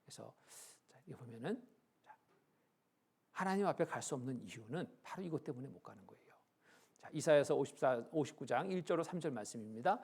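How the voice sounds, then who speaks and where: A middle-aged man preaching in a church as pastor, telling a story with sudden loud and hushed turns. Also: medium pitch, animated, fairly quick, gravelly, slightly rough. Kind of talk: sermon.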